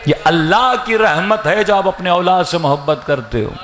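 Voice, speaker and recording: Man preaching in dramatic storytelling bursts. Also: expressive. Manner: dramatic storytelling, rising pitch and shouted emphasis. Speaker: religious scholar preaching at a mourning gathering. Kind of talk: Muharram majlis sermon.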